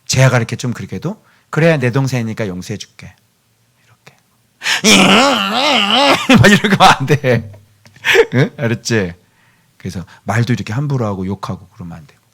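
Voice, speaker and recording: 생기 넘치는 남자 목사의 설교. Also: male voice, medium pitch, lively intonation, fast talker, a bit bright, breathy edge. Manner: chatty, teasing children by name, drops to near-whispers. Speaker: pastor. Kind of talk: sermon. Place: church sanctuary.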